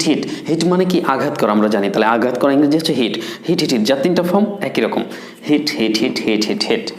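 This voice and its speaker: Man, English teacher, slow drilled repetition, mid-pitched voice, roomy echo. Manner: repeats words and forms slowly, drills pronunciation. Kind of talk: spoken English lesson. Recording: echoey room.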